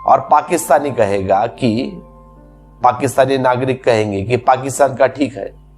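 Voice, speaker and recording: A man's voice: medium pitch, a little slow, darkish tone. Man, spiritual teacher, patient explaining, repeated examples, faint music behind. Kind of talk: spiritual discourse.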